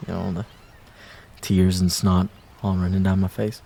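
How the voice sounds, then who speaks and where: A man plays a wistful young ex-boyfriend in an intimate roleplay audio drama, his low, gravelly, mellow voice holding a level tone over a little hiss or hum. He sounds wry and downcast, speaking casually and hesitantly with pauses and trailing phrases.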